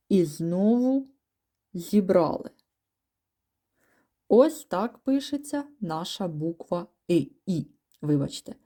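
A woman teaching a first-grade class, patiently sounding out letters one by one and using gentle diminutive words for small children. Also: medium pitch. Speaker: primary school teacher. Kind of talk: first-grade reading and writing lesson.

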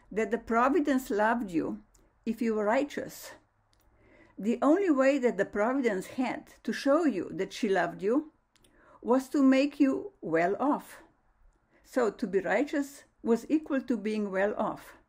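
A woman from Slovenia giving a measured, formal science lecture over slides, with slightly non-native phrasing. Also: on the high side, darkish tone. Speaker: lecturer, astrophysicist. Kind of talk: prepared online science lecture.

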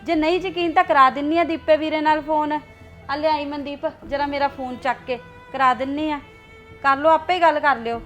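A woman's voice: high-pitched, steady tone, moderate pace, fairly bright tone, soft background music. A woman playing a meddling young gossip. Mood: telling. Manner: meddling, mocking. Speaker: niece in a family drama. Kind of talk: Punjabi short film acting.

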